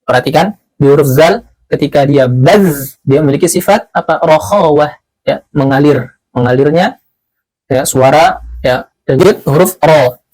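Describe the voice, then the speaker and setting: A man teaching letter pronunciation, explaining patiently and then chanting drawn-out practice syllables. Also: fairly high pitch, darkish tone, dry recording, rough recording. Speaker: Quran recitation teacher. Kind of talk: pronunciation lesson with drills.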